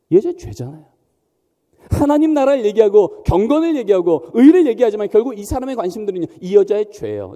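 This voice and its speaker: A man's voice: high-pitched, mellow. A man preaching a sermon in a church, emphatic and often questioning the congregation. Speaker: pastor. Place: large church hall. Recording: long church hall reverb.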